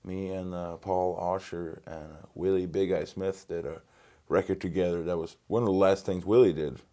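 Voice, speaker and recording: A man's voice: deep voice, fairly even intonation, moderate pace, mellow. A man, a guitarist and studio engineer answering interview questions with many fillers and restarts, on a lapel mic in a small home studio. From Norway. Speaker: guitarist and recording engineer guest. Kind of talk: casual interview. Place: home music studio, indoors.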